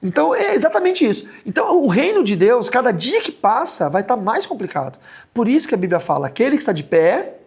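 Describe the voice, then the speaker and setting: A pastor leads a Bible study in a joking, animated manner, often leaping into high, mocking tones. He speaks briskly.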